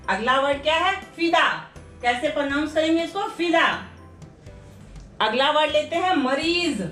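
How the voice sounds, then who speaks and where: A woman's voice: high voice, bright, forceful tone, reverberant. A woman teaching a language lesson, reading out practice words one by one and asking the class how to pronounce them. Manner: slow, deliberate pronunciation drills with rhetorical questions. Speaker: Hindi teacher. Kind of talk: classroom lesson, reading word lists aloud.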